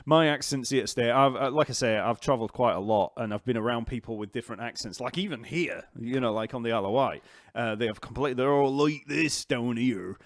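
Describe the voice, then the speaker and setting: A man with a Yorkshire accent hosting a casual live-stream Q&A, chatty and rambling and quick to laugh. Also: medium pitch, dry recording, studio quality. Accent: Yorkshire English. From Yorkshire, England. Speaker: bass teacher and channel host. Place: home, near an island festival site.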